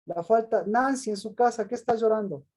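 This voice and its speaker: A male pastor leads a call-and-response Bible lesson, reading scripture aloud and firing questions at his listeners by name. His voice sits fairly high yet sounds mellow and soft-edged. He repeats each answer back before pressing on. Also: a little fast. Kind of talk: interactive Bible teaching with questions to the congregation.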